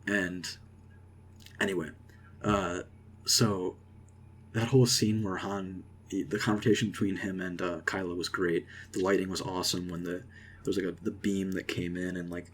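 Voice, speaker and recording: A young man casually rambling through an excited movie reaction, with lots of fillers and restarts. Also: deep voice, a little slow, long pauses, slight background noise. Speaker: vlogger.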